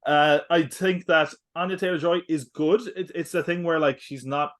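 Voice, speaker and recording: A man's voice: a little high, fairly even intonation, moderate pace, a bit bright. Chatty rambling male film podcaster. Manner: rambling, filler-heavy, jokey asides. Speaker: podcast co-host. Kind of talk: casual film review chat.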